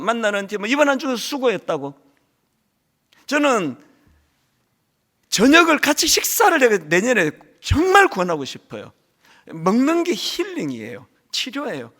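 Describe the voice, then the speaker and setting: A man's voice: extremely high pitch, bright, forceful tone. A man preaching a sermon as a pastor, telling stories and acting out the voices of his church members. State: lingering cold.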